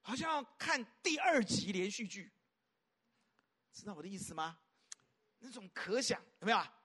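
A man preaching a sermon as a pastor. He keeps asking rhetorical questions and swings from loud, emphatic lines to soft, quiet ones. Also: high voice, very animated, normal speed, slightly rough.

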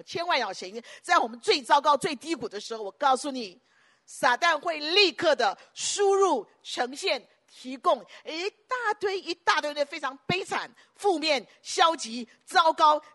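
Her high voice rising in sudden loud bursts, a woman pastor preaches a forceful sermon built on piled-up repetitions.

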